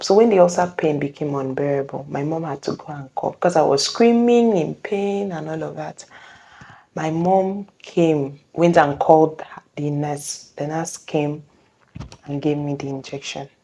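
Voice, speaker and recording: Low, mellow-voiced woman telling her story. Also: creaky. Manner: earnest, halting, with frequent self-corrections. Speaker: vlogger sharing a personal testimony. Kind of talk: casual personal storytelling.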